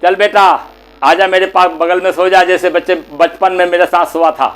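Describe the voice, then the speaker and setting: A man voicing a frail elderly mother who coaxes and pleads softly with her son. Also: high-pitched, fairly even intonation, normal speed, smooth, close to an everyday voice, rough recording. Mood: coaxing. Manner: soft, coaxing and gently insistent.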